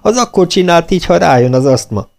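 A man's voice: fairly high pitch, expressive, creaky, darkish tone, voice pushed up. A man voicing a naive, cheerful, long-faced male recruit who chatters on, carefree and oblivious, in an audiobook reading.

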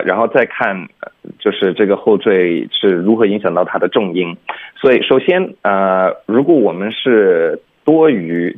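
A low-voiced man with a husky edge explains pronunciation rules patiently, one step at a time, checking in often with "OK?". He comes through a thin, tinny phone line. He sounds like a teacher calling into a radio lesson.

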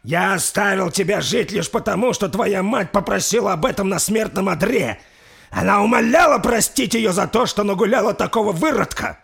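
A man voicing an older vampire father who shouts with hatred at his son. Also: sits high, lively intonation, normal speed, vocal fry, husky, pitched above the performer's own voice, exaggerated voice. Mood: raging. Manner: hateful, shouting.

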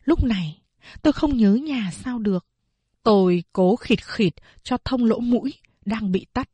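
A woman narrating a novel as an audiobook in a steady storytelling manner. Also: fairly high pitch, measured pace, husky, no room sound.

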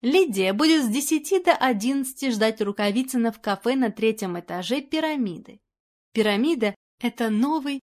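A woman reading a novel aloud as narrator, with a steady, expressive delivery. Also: fairly high pitch. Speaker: audiobook narrator. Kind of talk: scripted narration.

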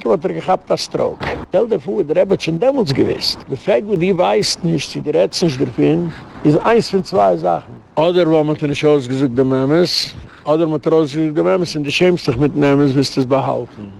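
Rabbi lecturing: gravelly, slightly high male voice, hammering points home with repetition. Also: darkish tone, slight background noise. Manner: emphatic, repetitive, mixes in English phrases. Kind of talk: impassioned Yiddish-style lecture.

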